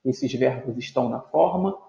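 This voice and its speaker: A man's voice: mid-range voice, normal speed, vocal fry, dark tone. A man teaching a video lesson, explaining step by step and often checking in with his students. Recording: roomy, dull lo-fi sound.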